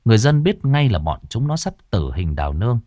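Male ghost-story narrator, lowish voice with a lively melody, dry close sound. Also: fairly quick, no room sound. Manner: dramatic, expressive.

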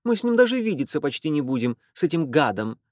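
Guy putting on a bratty teen girl, high and pushy, rattles off her comebacks fast, dry sound. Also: very animated, darkish tone, no room sound. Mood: defiant. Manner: insistent, quick, defiant. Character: stubborn, bratty teenage girl, shrill and insistent.

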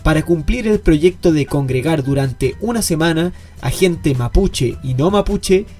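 A man with a slightly high voice reads scripted documentary narration in a measured, even way. Faint music plays beneath his voice. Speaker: podcast narrator. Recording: narration over background music.

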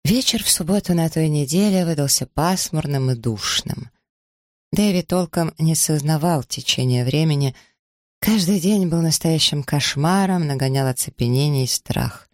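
A man reading a novel aloud in measured, even storytelling narration. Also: on the high side, no echo, clean studio sound. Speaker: audiobook narrator. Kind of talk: scripted narration.

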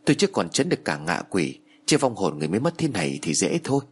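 A man's voice: low voice, big pitch swings, fast, slightly rough, full character voice. A man voicing an older ritual master, grave and boastful, in a spoken horror story. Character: older male ritual master, calm and self-assured.

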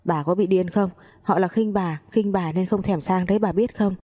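A proud, stern older father-in-law from a spoken family story, scolding with sharp questions. A woman gives him a low, warm-toned read. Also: moderate pace, close to an everyday voice.

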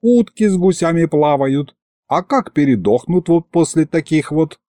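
A man voicing a sarcastic, grumbling old grandfather with a creaky voice. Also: fairly high pitch, expressive, normal speed, warm tone, dry recording, clean studio sound, voice pushed up, lightly acted. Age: older.

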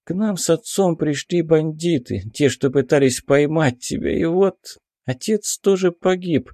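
A man narrating an audiobook, voicing a demon posing as a dead mother in a soft, higher voice. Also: unhurried, dry recording, clean studio sound. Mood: pleading. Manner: soft, plaintive.

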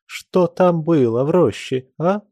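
A man's voice: on the high side, expressive, takes it slowly, warm tone, dry recording, clean studio sound, pitched above the performer's own voice, heavily acted. A man reading an audiobook, voicing a prying, coquettish society lady who coaxes and insists, eager for gossip. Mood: coaxing, prying.

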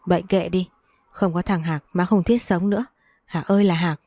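A selfish old mother who wails and guilt-trips, read by a woman. The voice is low and warm but insistent. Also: fairly even intonation, normal speed, no echo. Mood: wailing. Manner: wailing, guilt-tripping.

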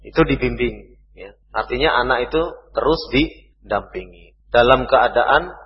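A man's voice: medium pitch, a little slow, slightly rough. A man with an Indonesian accent giving a religious study talk, reading out questions and answering them, saying "ya" again and again. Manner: repeats "ya" often, reads questions then answers. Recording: lo-fi reverberant hall recording.

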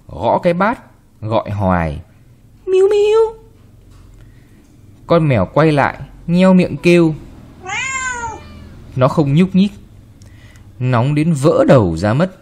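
A man reading a short story aloud with expressive, varied delivery. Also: mid-range voice. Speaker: narrator.

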